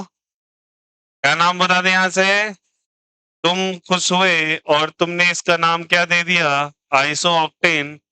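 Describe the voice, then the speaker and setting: Bright-voiced teasing chemistry teacher. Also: male voice, fairly high pitch, smooth, dry recording, rough recording. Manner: teasing, jokey, asks students to answer. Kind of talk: lively classroom lecture.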